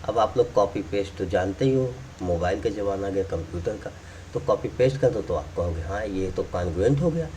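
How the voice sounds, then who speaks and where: A man's voice: fairly low pitch, animated, a little fast, mellow, far from the mic, a little hiss or hum. A man teaching math, explaining step by step while drawing and repeating key points. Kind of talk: classroom explanation.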